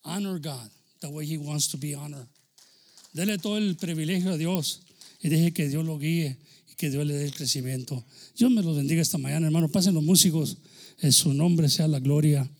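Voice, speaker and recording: A pastor delivers a sermon in a gravelly, fairly high voice. He is a man who swings from ringing exclamations down to quiet asides, slipping the odd English phrase into his preaching. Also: normal speed.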